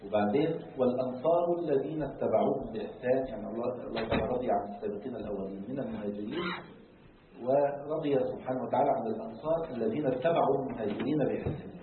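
A man giving a lecture on Quran commentary, explaining at length, filling pauses with a drawn-out "ah" and checking in with the class through rhetorical questions. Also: medium pitch, noisy background. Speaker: religious teacher. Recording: distant, echoey, tinny phone-like lecture recording.

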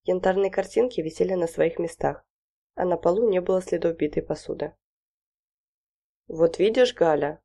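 A woman reads the narration of a novel in a low, very dark and mellow voice. She keeps a steady, even storytelling pace. It is an audiobook reading. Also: fairly quick, vocal fry.

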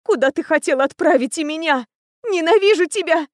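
A woman voicing a hoarse captive princess. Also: high voice, brisk, no room sound, studio quality, close to an everyday voice. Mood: furious. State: hoarse and weak. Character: young captive princess, proud and defiant.

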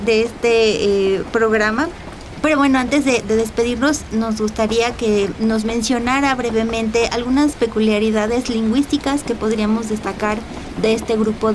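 A woman with a Mexican accent hosting an interview, speaking in a measured way with small hesitations. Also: fairly high pitch, fairly even intonation, slight background noise, poor audio. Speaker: podcast host.

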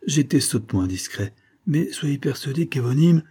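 A man's voice: medium pitch, expressive, moderate pace, dark tone, slightly rough, voice pushed up. A man reading aloud and voicing an earnest, hesitant young man.

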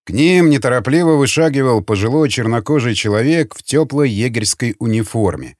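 A man narrating an audiobook in an expressive reading voice. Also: medium pitch, brisk, no room sound, clean studio sound. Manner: expressive, voices many characters.

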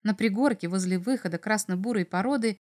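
A woman reading a children's science fiction story aloud as narrator, with even, expressive storytelling. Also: mid-range voice, fairly quick. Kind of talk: audiobook narration.

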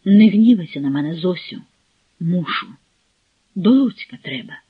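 A woman with a lowish, expressive voice voices a resolute young village man in an audiobook, heavily acted at a measured pace. She sounds determined, firm and defiant. The recording is dry, husky and phone-like.

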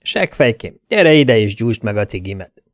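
A man's voice: fairly low pitch, big pitch swings, dry recording, clean studio sound. A man reading an audiobook, voicing a bossy, sadistic male gangster thug in a menacing, commanding tone. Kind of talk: audiobook character voice.

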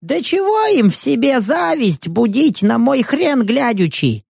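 A man voicing a cheeky old male tramp who shouts back in a high, cracked voice in an audiobook. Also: big pitch swings, a little slow, gravelly, breathy edge, no room sound, clean studio sound, heavily acted. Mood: cheeky shouting.

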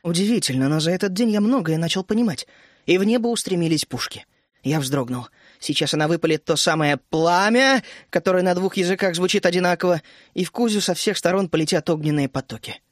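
High-voiced male audiobook narrator. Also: brisk, no echo, studio quality. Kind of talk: scripted first-person narration.

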